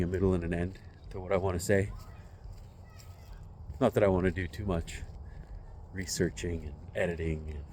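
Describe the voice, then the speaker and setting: A man's voice: low voice, a little mellow, a little hiss or hum. A man in his forties talks to a phone on a selfie stick while walking outdoors through a residential neighborhood, musing in a rambling, self-deprecating way. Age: 40s. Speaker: vlogger. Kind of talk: casual walking vlog.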